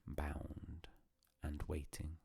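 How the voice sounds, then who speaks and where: A man narrating a calm bedtime story in a hushed, solemn, unhurried way with long pauses. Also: rumbling low, vocal fry, slightly rough, no echo.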